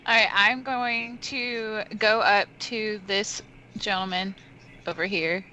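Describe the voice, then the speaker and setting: A woman's voice: mid-range voice, steady tone, takes it slowly, sharp tone, rough recording. A woman playing a tabletop role-playing game over a voice call, chatting casually as she announces her moves. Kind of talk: casual chat during a game. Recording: faint background noise.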